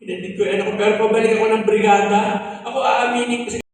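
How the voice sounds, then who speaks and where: A man's voice: high-pitched, steady tone, quick pace. An older man giving an earnest, emotional church testimony and quoting scripture as he tells his story. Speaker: testimony speaker. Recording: echoey hall from far off, faint hiss.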